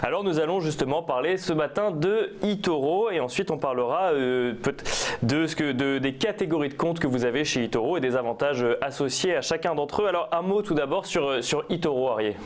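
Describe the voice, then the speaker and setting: A man's voice: on the high side, a little fast. A man hosting a live television interview as the presenter.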